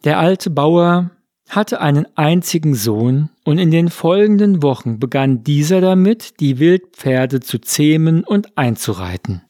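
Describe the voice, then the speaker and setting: A man narrating a fable in a calm, deliberate storytelling reading. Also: fairly high pitch, dry recording, clean studio sound.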